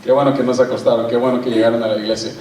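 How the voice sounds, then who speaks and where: Joking preacher in an echoey church. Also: male voice, medium pitch, rapid-fire, far from the mic, a little hiss or hum. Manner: lively, joking preacher who involves the congregation. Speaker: pastor. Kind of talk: sermon with humorous stories. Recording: echoey church hall, mic from afar.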